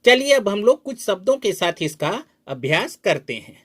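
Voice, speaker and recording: A man teaching a spoken lesson, sounding out syllables slowly and drawing them out, asking the learner questions as he goes. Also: sits high, very animated, fairly bright tone, breathy edge. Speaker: Hindi teacher. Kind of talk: slow spoken lesson at a board.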